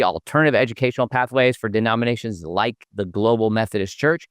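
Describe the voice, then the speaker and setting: A man's voice: mid-range voice, smooth, dry recording, clean studio sound. A man hosting a podcast interview, talking in an upbeat, promotional way. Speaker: podcast host.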